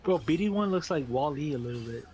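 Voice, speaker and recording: A Brooklyn man with a New York accent, chatting on a gaming stream, excitable and laughing, repeating words and calling people "bro". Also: on the high side, quick pace. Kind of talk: casual gaming stream chat.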